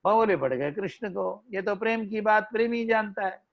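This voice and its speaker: High-pitched guy with a hindi accent doing a slow devotional sermon, sings verses in between, kinda dull lo-fi audio. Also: vocal fry. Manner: slow, melodic, chants verses. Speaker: religious storyteller. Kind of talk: devotional discourse with sung verses. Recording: dull lo-fi recording.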